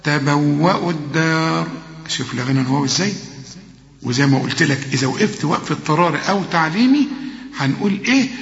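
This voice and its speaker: A man's voice: fairly high pitch, creaky, fairly bright tone. Egyptian man teaching recitation in an echoey hall. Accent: Egyptian Arabic. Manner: explains step by step and models slow drawn-out recitation; talks straight to the student, correcting and quizzing. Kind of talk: tajweed lesson. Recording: echoey hall, dull lo-fi sound.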